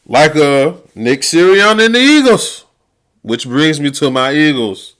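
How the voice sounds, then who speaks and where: A man's voice: a little high, big pitch swings, unhurried, a bit bright, clear, resonant tone. A man hosting a podcast, venting about football in a heated, profane, casual rant. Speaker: podcast host.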